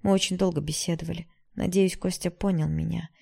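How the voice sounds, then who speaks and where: A woman voicing a forgiving middle-aged mother who speaks softly and tiredly in an audiobook. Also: fairly low pitch, steady tone, fairly quick, creaky. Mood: weary. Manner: soft, tired, soothing.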